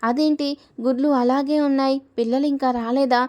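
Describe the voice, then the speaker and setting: A timid young daughter-in-law, voiced by a woman storyteller, speaks softly and innocently. Her voice sits a touch high and moves little in pitch. She sounds earnest and unguarded. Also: fairly even intonation, a little fast, lightly acted.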